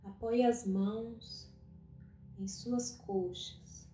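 A woman guiding a meditation, speaking softly and calmly with long pauses. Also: on the high side, a little hiss or hum. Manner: slow, soft and calm, with long pauses. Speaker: meditation guide. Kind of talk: guided meditation. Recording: roomy echo with faint music.

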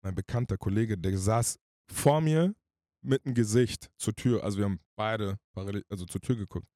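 A man telling his story as a podcast guest in casual, slangy speech, rushed and emotional. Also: on the low side, mellow, no echo, clean studio sound. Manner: slangy, rushed and emotional, addresses the listener as "Bruder".

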